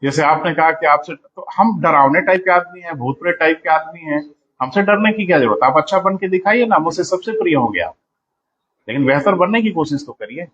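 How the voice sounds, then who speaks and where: A man's voice: on the high side, expressive, fairly quick, fairly bright tone, highs cut off, slight background noise. A man teaching in a coaching class, lecturing students sternly and calling them "beta" as he explains.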